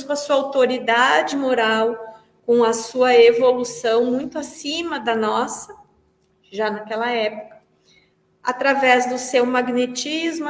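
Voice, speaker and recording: A Brazilian Portuguese woman gives a Spiritist study talk, explaining slowly and repeating phrases as she thinks. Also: a little high. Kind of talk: religious study lecture. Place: large meeting hall. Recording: echoey hall with long reverb.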